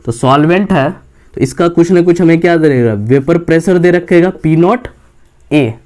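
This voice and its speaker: A man's voice: on the high side, moderate pace, a little mellow. A man teaching a chemistry lecture in mixed with English terms, firing rhetorical questions at the class and answering them himself. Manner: mixes English science terms into Hindi.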